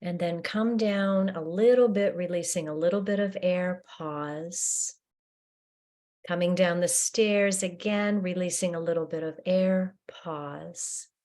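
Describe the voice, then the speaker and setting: Here a woman with a slightly low voice leads a breathing meditation at a very relaxed pace. She sounds soft and calming, and she leaves long silences between her cues.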